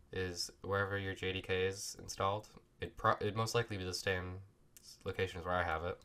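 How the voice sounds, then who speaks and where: A low-voiced man with a sharp, clean tone guides viewers through a coding tutorial at his home computer desk. His voice sounds sick, and his manner is loose and apologetic as he narrates while clicking through the steps.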